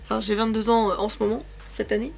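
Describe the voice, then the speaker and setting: A woman's voice: fairly high pitch, level tone, fast talker, creaky, faint music behind. A woman in her twenties chatting casually about makeup from her couch at home, rambling and correcting herself with lots of fillers. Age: 20s. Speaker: beauty vlogger.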